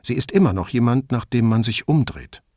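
A man voicing a calm, thoughtful police commissioner in an audiobook, speaking in a measured way. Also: mid-range voice, no echo, clean studio sound, close to an everyday voice. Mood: musing.

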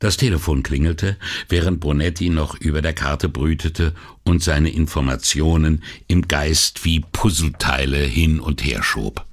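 A man reading a crime novel aloud in a measured, steady scripted narration. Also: very deep voice. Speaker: audiobook narrator.

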